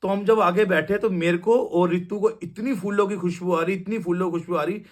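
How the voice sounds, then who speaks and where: A young man recounts a personal story in a loose, rambling way, stopping and restarting often. His voice sits a little higher than most men's. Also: fairly even intonation, fairly quick. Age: young adult. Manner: rambling, with many restarts and fillers. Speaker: devotee sharing a testimony. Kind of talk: casual storytelling testimony.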